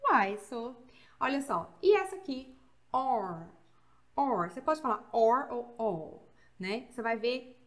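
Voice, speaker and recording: A woman from Goiás in Brazil with a Brazilian accent, teaching a chatty, animated English grammar lesson that mixes Portuguese and English and leans on frequent tag questions. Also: mid-range voice.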